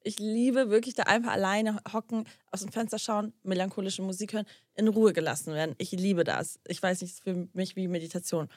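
A woman's voice: medium pitch, fairly even intonation, a little fast, few pauses, a little mellow, no room sound, studio quality. A young woman casually telling a story to her co-host, acting out both sides of the dialogue and dropping English slang into her talk.

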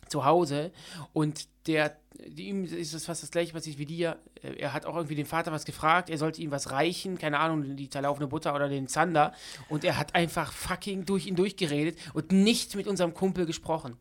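A man's voice: a little high, fairly even intonation, a little fast. A young man co-hosting a podcast in casual, joking chat, mumbling his words and sometimes yawning or sniffing. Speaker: podcast co-host.

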